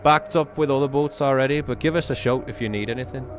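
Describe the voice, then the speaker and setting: A man voicing a gruff, balding dock guard with a Northern English accent, bellowing rough and blunt. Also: medium pitch, fast talker, faint music behind, pitched above the performer's own voice, natural voice.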